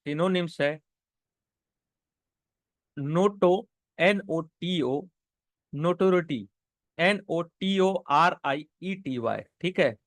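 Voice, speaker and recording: A man gives a classroom vocabulary lesson at an unhurried pace, in a slightly raised voice. He spells each word out letter by letter and keeps checking in with the class before moving on. The recording is dry, with no room echo. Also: fairly high pitch. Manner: spells words letter by letter, repeats "theek hai" often. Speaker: English teacher.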